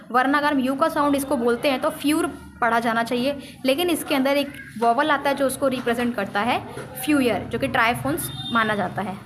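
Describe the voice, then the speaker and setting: A high-pitched woman teaches shorthand, calmly explaining each sign and drawing out example words slowly. There is a faint hum of room noise behind her. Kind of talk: whiteboard lesson explanation.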